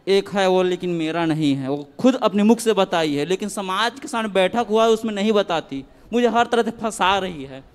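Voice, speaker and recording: A man's voice: high voice, expressive, normal speed, few pauses, smooth. A man from the audience, distressed and pleading, asking again and again for advice about what to do. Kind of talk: pleading personal question. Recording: reverberant hall.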